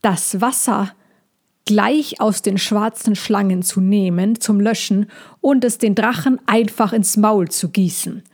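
A woman's voice: medium pitch, unhurried, a little mellow. A woman voicing a grumpy, reluctant male hedgehog in a storybook reading, dry and grumbling.

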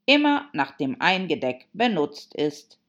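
A woman voicing a gloomy, quarrelsome grown man, a hatter, who speaks slowly and emphatically with sighs. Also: deep voice, sing-song, fairly bright tone, highs cut off, full character voice. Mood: smug. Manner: slow, emphatic, sighing. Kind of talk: audiobook character voice.

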